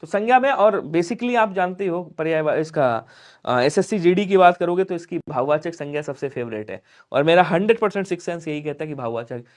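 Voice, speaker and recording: A man whose voice is a little high, expressive, and a little fast teaches grammar online for exam preparation. He breaks things down step by step, answers the questions he puts to his students, and asks viewers to like and subscribe.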